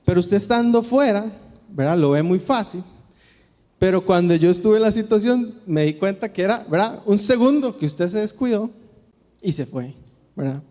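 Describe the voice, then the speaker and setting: A man with a Costa Rican accent giving a church talk as a relaxed, conversational story, often tagging his sentences with a questioning word. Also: high-pitched, moderate pace, in a large hall. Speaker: church speaker.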